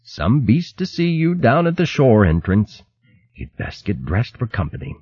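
A man voicing an ancient male servant who speaks gravely and plainly. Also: mid-range voice, very animated, a little slow, darkish tone, no room sound, highs cut off, voice pushed up.

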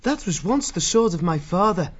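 A man's voice: high voice, big pitch swings, normal speed, lo-fi sound, voice pushed up. A man voicing an earnest young male warrior mouse.

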